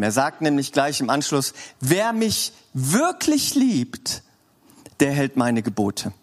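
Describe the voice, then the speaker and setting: A male preacher delivers a sermon with a lively, swooping voice that climbs fairly high. He talks to the congregation conversationally, tossing in rhetorical questions and relaxed slang asides.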